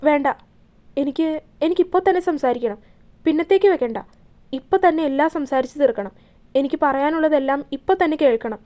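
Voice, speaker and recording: A woman voicing a grieving young wife in a romance audio story, halting and repeating words as she cries. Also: high-pitched, mellow, lightly acted. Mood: resolute.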